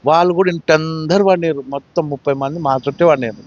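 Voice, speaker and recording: A man, an eyewitness recounting events to a reporter in plain, steady storytelling. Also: a little high, fast, no room sound. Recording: dry, dull lo-fi field recording.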